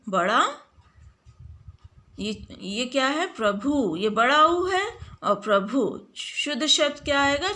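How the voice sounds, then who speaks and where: A woman teacher giving a spelling lesson, slowly stretching out words and asking her pupils questions. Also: high voice, bright, forceful tone.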